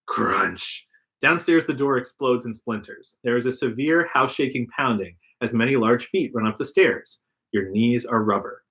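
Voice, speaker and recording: Over a livestream podcast mic, a man reads an interactive gamebook aloud, delivering the narration plainly and putting on voices for the dialogue. His voice is medium-pitched and a bit bright, at a moderate pace.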